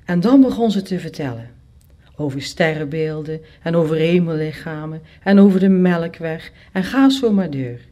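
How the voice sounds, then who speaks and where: A storyteller telling a first-person tale with lively expression and steady momentum. The voice sits at a middle pitch and moves easily through the narration. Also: moderate pace. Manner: lively, expressive, acts out characters.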